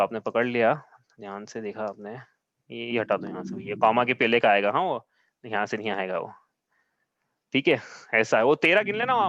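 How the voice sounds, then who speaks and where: A man's voice: mid-range voice, a bit bright, no room sound. A man teaching an online class over a video call, explaining patiently step by step and often checking that his students follow. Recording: dull dry online-call audio.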